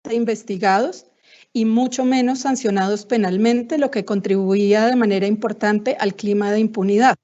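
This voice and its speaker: A woman presents in a mellow, measured way, working slowly through a list. Her words keep dropping out on a bad video-call connection, and the sound is muffled and lo-fi throughout. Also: mid-range voice, fairly even intonation. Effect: choppy, breaking-up video call audio. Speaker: webinar presenter. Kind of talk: formal online presentation. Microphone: computer mic on a video call. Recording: muffled, cutting-out internet call.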